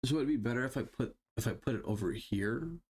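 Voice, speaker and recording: A man's voice: mid-range voice, expressive, brisk, darkish tone, husky. A man streaming a game live, chatting casually to himself and viewers, with sarcastic asides and plenty of swearing. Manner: talks to himself while browsing and fiddling. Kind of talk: casual live gameplay commentary.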